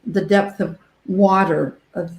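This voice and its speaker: A woman's voice: on the low side, steady tone, takes it slowly. A woman, a guest astrologer on a video call, talking reflectively and sometimes losing her thread, her line echoing as if she were in a cave. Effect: cave-like echo on her line. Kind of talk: casual group chat on a video call. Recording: echoey video call audio.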